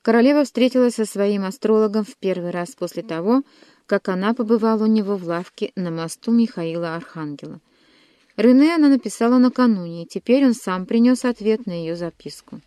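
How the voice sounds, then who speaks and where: A woman narrates a classic historical adventure novel with dramatic, expressive delivery. Her voice sits at an ordinary middle pitch. The recording is dry and close, with no room echo. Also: brisk, smooth. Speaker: audiobook narrator.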